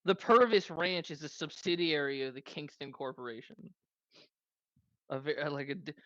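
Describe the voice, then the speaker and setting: A man playing a tabletop role-playing game, asking rambling, excitable questions in casual chat. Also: fairly high pitch, moderate pace, dry recording, muffled recording. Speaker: player.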